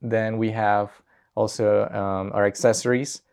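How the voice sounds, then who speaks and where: A man's voice: lowish voice, level tone, a little slow, vocal fry, a little mellow, clean tone. A man from Peru, a business owner and guest, talking in a casual interview, hesitant with many ums and restarts.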